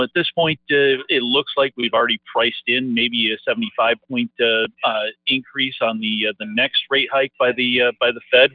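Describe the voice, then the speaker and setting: Play a man talking over the phone, halting with many fillers as he explains markets. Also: medium pitch, dry recording. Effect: heard over the phone. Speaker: market analyst guest. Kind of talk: market commentary interview. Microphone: telephone. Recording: dry tinny phone line.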